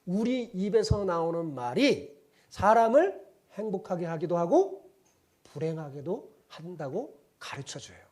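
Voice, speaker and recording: A man's voice: sits high, very animated, a little slow, darkish tone. A man preaching a sermon as pastor, telling folksy stories and drawing the congregation into call-and-response. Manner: folksy storytelling.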